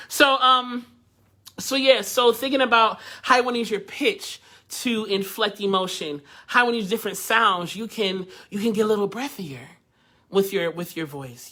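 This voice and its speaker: A male voice teacher leads a live online workshop in a bright, forceful voice. He talks in a loose, chatty way, laughs often, and calls out to viewers as he teaches. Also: high-pitched.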